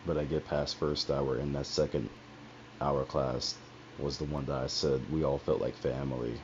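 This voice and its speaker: Very deep gravelly man, rambling. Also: steady tone, normal speed, darkish tone. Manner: rambling and profane, with frequent asides. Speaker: streamer. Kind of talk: casual personal storytelling on a livestream. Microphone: headset. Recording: dull lo-fi headset audio with faint hiss.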